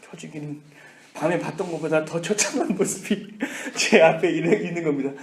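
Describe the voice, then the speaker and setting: Brief: male Korean-church pastor, sermon storytelling, somewhat high-pitched, roomy hall reverb. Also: normal speed. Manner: animated storytelling, whispers inner thoughts. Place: church sanctuary.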